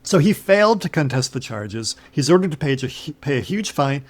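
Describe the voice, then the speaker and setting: Brisk male podcast co-host recapping a case. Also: fairly high pitch, big pitch swings. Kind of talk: casual chat, case recap.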